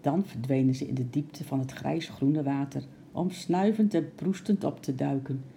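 A woman narrating a children's storybook aloud in a calm, lively way. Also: a bass voice, normal speed, creaky, a little hiss or hum.

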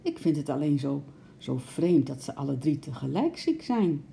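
A woman voicing a gruff, sighing older zookeeper in a storybook, muttering and grumbling. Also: sits low, big pitch swings, moderate pace, warm tone, slight background noise, exaggerated voice. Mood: gloomy.

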